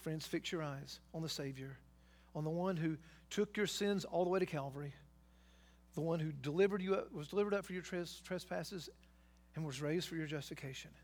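High-voiced preacher delivering a fervent sermon. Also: male voice, fairly quick. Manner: emphatic, building to loud exhortations with rhetorical questions. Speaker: pastor.

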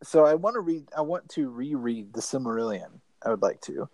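A man's voice: mid-range voice, expressive, a little fast, a little mellow, no room sound. A man speaks in a dry, hesitant way as a podcast co-host, and his voice is recorded close and dead with no room sound. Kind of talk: casual chat.

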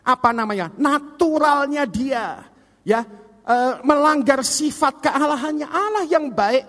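A male pastor preaches in a high, emphatic voice, now and then searching for the right word. His voice rings out with a long reverb through the church hall. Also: animated, unhurried, a bit bright. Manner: storytelling, emphatic, searches for words. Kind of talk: sermon.

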